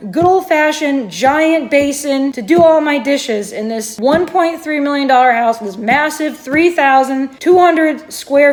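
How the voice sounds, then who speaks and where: A young woman with a high-pitched voice delivers a satirical rant about a listing, chatty and sarcastic. She sounds exasperated and keeps dropping "like" into her sentences. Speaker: home review ranter. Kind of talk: satirical ranting commentary.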